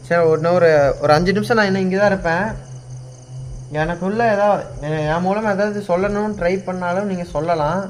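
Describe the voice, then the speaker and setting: High male voice, scared ghost-hunt vlogger, crickets faint in background. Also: fairly even intonation, brisk, slight background noise. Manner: fearful, pleading, calls out to a spirit. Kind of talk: night ghost-hunting vlog. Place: empty house at night, indoors.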